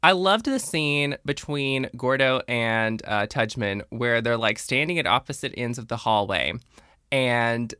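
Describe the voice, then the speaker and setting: A man's voice: mid-range voice, unhurried, sharp tone, smooth, no room sound, studio quality. A young adult man hosting a podcast, chatting casually and retelling scenes with playful quoted lines. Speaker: podcast host.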